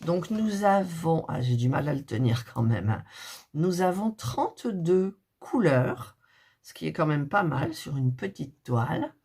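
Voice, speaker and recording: A middle-aged woman, hoarse and recovering from a cough, chatting softly and thinking aloud as she unboxes cross-stitch kits. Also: low voice, big pitch swings, unhurried. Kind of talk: casual unboxing chat.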